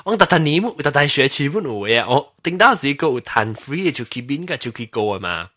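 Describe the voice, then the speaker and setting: A man's voice: mid-range voice, big pitch swings, a little fast, bright, forceful tone, slight background noise. A man in casual chat, telling childhood stories animatedly and laughing, switching between languages.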